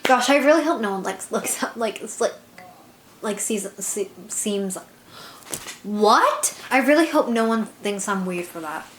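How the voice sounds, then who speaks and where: Young woman vlogger, medium pitch, rambly and self-conscious, recorded in an echoey room. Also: animated, unhurried, a little hiss or hum. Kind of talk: casual confessional chat.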